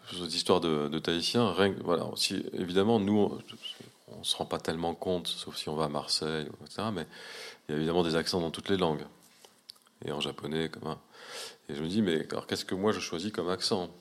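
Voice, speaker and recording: Deep-voiced hesitant French-speaking man. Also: brisk. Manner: hesitant, many restarts, reflective. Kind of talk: casual conversation.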